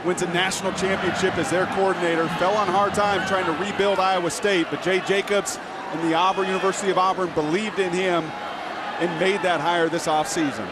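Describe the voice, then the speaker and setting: A man's voice: high voice, little pitch movement, a little fast. A man giving live American football analysis in clipped, punchy phrases as a broadcast commentator. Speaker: colour analyst. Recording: loud stadium crowd noise. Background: roaring stadium crowd.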